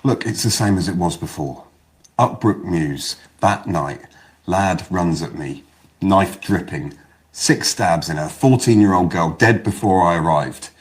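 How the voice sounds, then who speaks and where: An actor playing an angry, troubled father who shouts at his family. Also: sits low, lively intonation, a little slow. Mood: grim. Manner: shouting, bitter, volatile. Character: angry troubled British father, a police officer.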